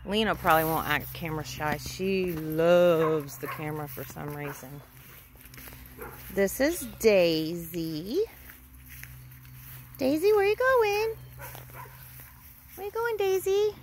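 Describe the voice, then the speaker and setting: A woman shows off her farm in a casual walking vlog shot on a handheld phone, chatting and speaking tenderly to the animals though unsure of breeds. She has a lowish voice with lively intonation, talks slowly, and pauses often, over slight background noise.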